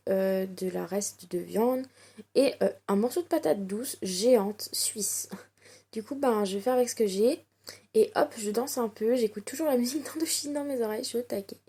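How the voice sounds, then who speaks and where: A young woman from France talks through her day in a casual home vlog, her voice a little high and husky. She is chatty and self-mocking, full of fillers. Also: mellow. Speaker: vlogger. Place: home, indoors.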